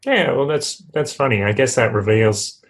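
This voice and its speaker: A man's voice: mid-range voice, expressive, moderate pace, low-quality recording. A man hosting a podcast interview, listening closely and prompting with short questions and agreeing murmurs. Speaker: podcast host. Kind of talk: casual interview talk.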